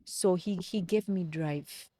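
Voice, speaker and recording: A woman's voice: lowish voice, slow, warm tone, no echo, clean studio sound. A woman in her thirties from Kenya, a podcast guest telling personal stories in an earnest, reflective way and often repeating words as she finds them. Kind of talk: candid conversational storytelling.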